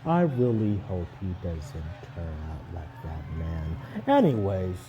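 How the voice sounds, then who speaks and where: A man's voice: low voice, huge pitch swings, highs cut off, music in the background, heavily acted. A man playing a pompous, arrogant king of pro wrestling, giving a grandiose, theatrical promo speech. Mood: menacing, scornful. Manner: pompous, grandiose, deliberate pauses. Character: pompous self-proclaimed king, arrogant male wrestling villain. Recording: distant mic, noisy arena crowd.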